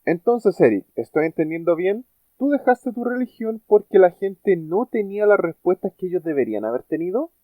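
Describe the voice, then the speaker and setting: A man's voice: high-pitched, animated, normal speed, dry recording. A man hosting an interview, introducing guests in an effusive, enthusiastic way. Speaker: podcast host. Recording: tinny phone-like sound.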